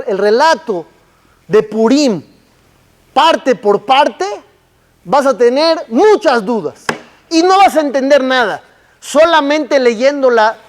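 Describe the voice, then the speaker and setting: Male rabbi, sermon delivery, very high voice, unhurried emphatic questions. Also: in a large hall. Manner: slow, emphatic teaching with rhetorical questions.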